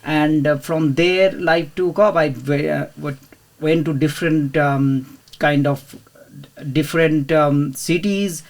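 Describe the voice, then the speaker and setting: A man's voice: on the high side, steady tone, slow pace. A man in his thirties, originally from India, speaking as a guest in a casual interview, with frequent fillers and restarts. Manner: hesitant, many fillers and restarts. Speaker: podcast guest, property investor.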